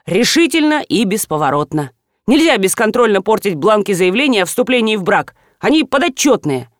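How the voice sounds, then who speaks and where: A woman's voice: medium pitch, big pitch swings, normal speed, dry recording, clean studio sound, lightly acted. A woman reading the part of a formal, bureaucratic female registry official. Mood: stern. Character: stiff middle-aged female registry official.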